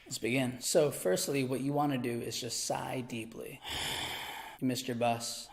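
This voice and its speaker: A man hosting an upbeat online beatbox tutorial, talking in an energetic, chatty way. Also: mid-range voice, a little slow, vocal fry.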